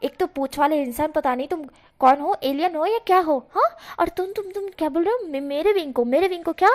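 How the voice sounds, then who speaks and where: A woman voicing a furious, jealous young man who shouts insults and repeats words in anger, in a storybook reading. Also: high voice, brisk, lightly acted.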